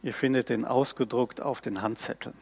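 A man preaching a sermon, reading scripture in a slow and measured way with emphatic rises. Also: mid-range voice, fairly even intonation, vocal fry, husky.

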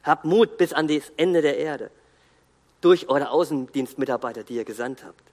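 A man preaching a sermon in an earnest, emphatic way, pausing and restarting as he builds his points. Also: fairly high pitch, darkish tone. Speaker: guest preacher. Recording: long hall reverb.

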